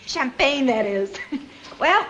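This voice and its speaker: A woman's voice: high-pitched, very animated, slow pace, fairly bright tone, highs cut off, a little hiss or hum, voice pushed up, heavily acted. A woman playing a young woman who puts on a phony French accent, gushing and giggling in an affected way. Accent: put-on French. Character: young woman putting on a fake French chic.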